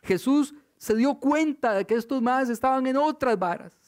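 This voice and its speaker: High-voiced Costa Rican preacher. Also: male voice, normal speed. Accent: Costa Rican Spanish. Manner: storytelling with rhetorical questions, shifting between loud and hushed. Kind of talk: sermon.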